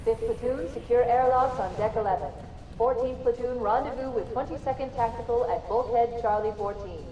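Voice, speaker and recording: An actress voicing a female shipboard announcer, giving calm, clipped orders over a ship's PA system. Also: a little high, normal speed, soft background music. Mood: calm urgency. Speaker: ship announcer. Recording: echoey PA from far off.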